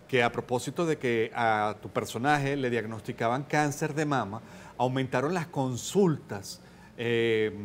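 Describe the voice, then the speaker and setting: A man's voice: medium pitch, slight background noise. Man asking formal interview questions.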